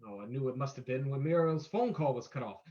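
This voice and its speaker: A man's voice: mid-range voice, expressive, quick pace, dark tone, natural voice. Man acting a theatrical radio vigilante detective, muffled audio, the Shadow. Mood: confident, explaining. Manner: theatrical, explanatory, dramatic. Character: the Shadow, suave, menacing male vigilante detective. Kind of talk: old-time radio drama acting.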